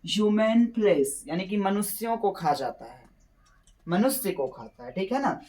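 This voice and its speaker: A man teaching English vocabulary to exam students, explaining in Hindi, slowly drawing out English phrases and constantly checking "okay?" with his class. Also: high voice, animated, warm tone. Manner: repeats phrases, slowly spells out English words, keeps checking with "theek hai na".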